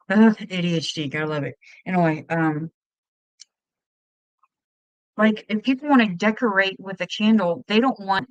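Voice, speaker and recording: A woman's voice: lowish voice, no echo, poor audio. A woman hosting a casual live stream, chatting in a scattered way and greeting viewers as hun.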